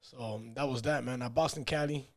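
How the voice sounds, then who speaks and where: Speaking briskly with fairly even intonation in a mid-range voice, this man is heard over a crowd in the background. He's a fighter in his thirties, born in Peru with Spanish as his first language, loosely recounting his life on a podcast in a casual interview, frequently dropping "you know" and "man."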